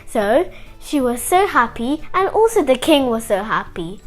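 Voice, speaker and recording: Over music, a woman hosting a children's story show tells a tale in a high, lively voice. She goes slowly with wide swings in intonation, chatting animatedly with her young audience and asking them questions.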